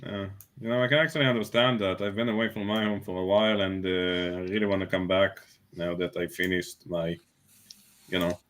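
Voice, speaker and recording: Mercenary leader acted by a man in a tabletop game: skeptical, politely dismissive, halting phrasing, forward bright tone. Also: on the low side, steady tone, voice pushed down, natural voice. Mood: polite, weary. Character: reserved, skeptical male mercenary leader far from home. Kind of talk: in-character tabletop role-play.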